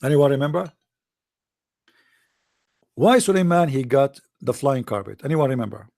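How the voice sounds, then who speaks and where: A man's voice: mid-range voice, lively intonation, moderate pace, creaky, darkish tone, no echo. Sarcastic Arabic-accented man, dry close sound. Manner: sarcastic, mocking. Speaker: religious debater. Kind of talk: online debate talk.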